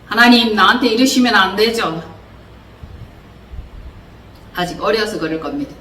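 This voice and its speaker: A woman's voice: mid-range voice, a bit bright. A woman preacher delivering a sermon, earnestly exhorting her listeners with many rhetorical questions. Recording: roomy echo, distant mic, faint noise.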